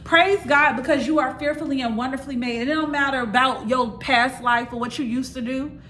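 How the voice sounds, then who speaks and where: High-voiced woman preaching emphatically. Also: fairly even intonation, a little fast, sharp tone, slight background noise. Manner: emphatic, repeats key lines, talks straight to listeners; conversational preaching with asides. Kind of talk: informal sermon to camera.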